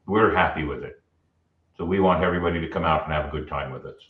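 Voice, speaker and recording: A man's voice: extremely low pitch, quick pace. A man hosting a casual live video chat and welcoming people to visit. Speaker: host welcoming guests. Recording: distant mic, roomy echo, dull sound.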